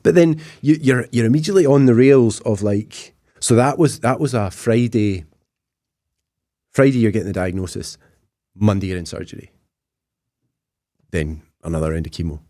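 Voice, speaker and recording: Scottish man, low voice, chatty guest. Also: moderate pace, pauses often, mellow, no room sound, studio quality. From Scotland. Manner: chatty, self-deprecating, with frequent fillers. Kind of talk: casual podcast interview.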